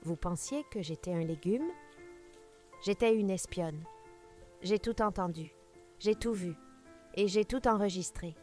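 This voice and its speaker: A woman voicing an elderly matriarch who speaks hoarsely, in a cold, commanding tone, articulating every syllable. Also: medium pitch, a little slow, long pauses, a little mellow, soft background music, natural voice. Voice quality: hoarse, gravelly.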